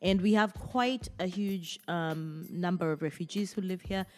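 A woman hosting a chatty interview show, speaking in an expressive, conversational way with short reactions to her guest. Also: fairly low pitch, unhurried, a little hiss or hum. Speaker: show host.

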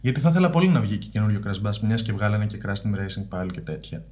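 Έλληνας άντρας, χαλαρή κουβέντα. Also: male voice, lowish voice, animated, noisy background. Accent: Greek. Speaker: podcast co-host. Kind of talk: casual chat. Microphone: headphones with studio mic.

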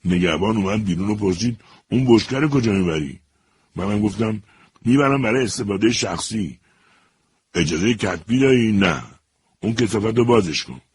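A man voicing a sly male convict who feigns madness, speaking in an unhurried, boastful drawl. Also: lowish voice, expressive, a little mellow, husky.

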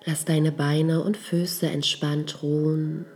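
Low, mellow female meditation guide, soft and slow delivery. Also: faint music behind. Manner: slow, soft, calm instructions.

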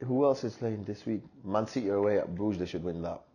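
Male, mid-pitched and husky, teasing casual football banter, slightly muffled podcast sound. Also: fast, dark tone. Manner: teasing, slangy.

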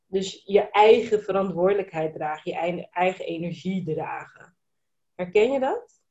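A woman's voice: fairly low pitch, expressive, normal speed, dark tone. Enthusiastic woman podcast host, lo-fi. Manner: enthusiastic, mixes in English phrases. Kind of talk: casual podcast conversation. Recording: dull lo-fi sound.

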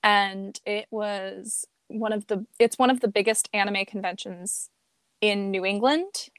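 A woman's voice: mid-range voice, a little slow, a bit bright, clear, resonant tone, dry recording. A woman talking casually as a podcast guest, telling anecdotes in an earnest, conversational way. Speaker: podcast guest, amateur performer and cosplayer. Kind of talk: casual chat.

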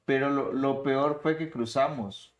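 A man's voice: medium pitch, unhurried, roomy sound, lo-fi sound. A man with a Mexican Spanish accent joking in slang in a casual chat. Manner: slangy, teasing.

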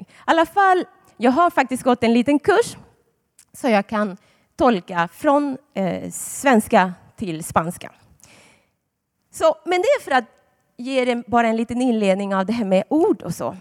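A woman preaching a sermon to a congregation, telling personal stories in a chatty way with dramatic emphasis. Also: a little high. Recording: long hall reverb.

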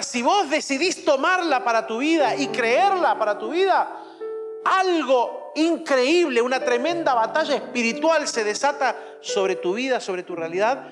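A man's voice: high-pitched, big-room sound. A middle-aged man with a Rioplatense Spanish accent preaching a sermon with passion. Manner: impassioned preaching, mimics a whining child. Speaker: pastor.

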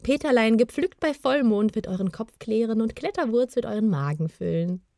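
A woman voicing a cheerful female kobold cook with a merry, bright way of talking in a storybook reading. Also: on the high side, expressive, normal speed, creaky, dry recording, clean studio sound, voice pushed up.

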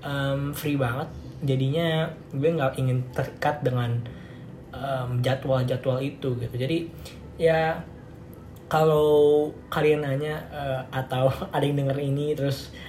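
A teenage boy hosts a casual solo podcast from a home room with music playing, rambling with lots of fillers and restarts and laughing often. His mid-range voice is fairly even, unhurried, a little mellow and slightly hoarse, recorded on a home setup in an echoey room with faint noise.

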